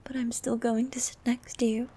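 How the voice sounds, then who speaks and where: In an ASMR roleplay, a woman voices a vain, flirtatious sea queen monster, soft and half-whispered, regal and teasing, slow and coaxing. Her voice is a little high and natural, her delivery flat. Background noise is present.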